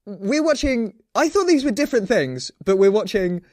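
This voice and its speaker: High-voiced southern English man chatting. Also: big pitch swings, fairly quick, dry recording, clean studio sound. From southern England. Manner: jokey, laughs often, slips into silly voices. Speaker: podcast co-host. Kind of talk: casual comedic chat.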